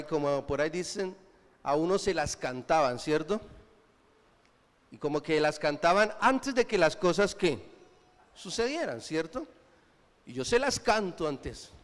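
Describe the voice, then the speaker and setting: A man preaching a sermon, often prompting the congregation with questions for them to finish. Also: high-pitched. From Colombia. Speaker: pastor. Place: church. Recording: reverberant church hall.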